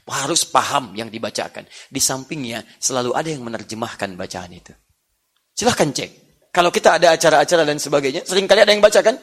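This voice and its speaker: Guy preaching, high voice, super animated, jokes around and laughs a lot. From Indonesia. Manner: animated, playful, often laughing and imitating accents. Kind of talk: sermon.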